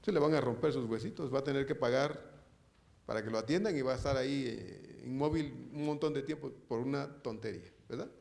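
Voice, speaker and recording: Gravelly-voiced male pastor preaching. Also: mid-range voice, a little fast, darkish tone. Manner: rhetorical questions with frequent tag questions; addresses listeners directly as brother. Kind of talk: sermon. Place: church.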